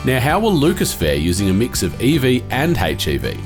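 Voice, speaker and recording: A man's voice: medium pitch, wildly swooping pitch, fairly quick. A man reading a scripted voice-over as narrator. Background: guitar music.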